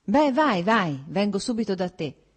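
A woman voicing a fussy, refined intellectual man, the older brother in an audiobook, speaking in quick exclamations. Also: mid-range voice, sing-song, husky, voice pushed up.

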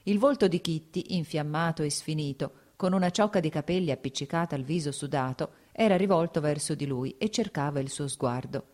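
A woman narrating a novel in a measured reading voice, dropping to hushed tones in tense passages. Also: low-pitched. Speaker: audiobook narrator. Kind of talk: scripted literary narration.

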